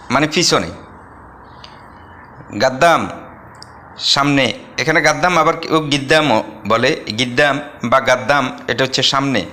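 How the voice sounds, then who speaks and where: A young man teaches a vocabulary lesson, calmly saying each word and then repeating its meaning. His voice is bright and crisp and sits a little high for a man. He keeps an even, patient teaching pace. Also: slight background noise. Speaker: Arabic language teacher.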